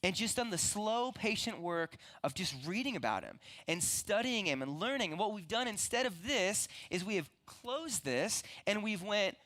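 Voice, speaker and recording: A man's voice: high-pitched, lively intonation, moderate pace, few pauses, a bit bright. A young man preaching a sermon as pastor, earnest and conversational, with frequent restarts.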